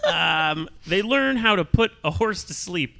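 A man's voice: high-pitched, expressive, a little slow, vocal fry, sharp tone. Laughing, rambling male podcast co-host. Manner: jokey, laughing, rambling with fillers. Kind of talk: casual recap chat.

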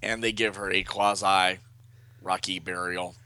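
A man with a gravelly voice chatting casually and wryly as a podcast co-host recapping a story. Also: sits low, steady tone, measured pace, pushed and bright. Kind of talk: casual chat and comic-book recap.

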